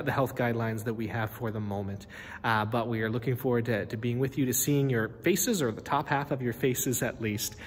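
A man's voice: medium pitch, slight background noise. A man in his thirties, a pastor, chatting casually with many fillers and restarts as he walks through an empty church, filmed on a phone at arm's length. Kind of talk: casual walkthrough video. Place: inside an empty church building. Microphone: phone held at arm's length. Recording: reverberant hall with faint ambience.

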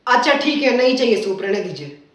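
A man's voice: extremely high pitch, sing-song, fairly quick, fairly bright tone, full character voice. Young man as a pushy chutney-hungry customer, whiny demands, recorded from afar in a roomy space. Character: greedy male customer demanding endless chutney. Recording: roomy, from far off.

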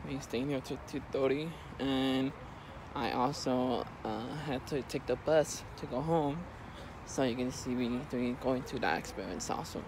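A man's voice: medium pitch, a little slow. A young man chatting casually to his phone held at arm's length, rambling and correcting himself as he walks outdoors and rides the bus. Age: young adult. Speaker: vlogger. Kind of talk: casual vlog. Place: outdoors on streets and on a city bus. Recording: loud street and bus noise.

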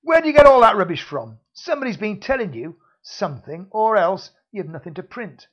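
On a dull lo-fi recording, a man voices a menacing secret-service heavy who bullies with mock politeness, sneering and threatening. His voice sits high and is pushed up, expressive, fairly bright, at normal speed.

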